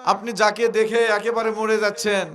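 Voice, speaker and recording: A male preacher with a Bogura Bengali accent delivers a fiery waz sermon in a high voice. He fires rhetorical questions at the crowd and urges them to answer louder. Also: flat delivery, moderate pace.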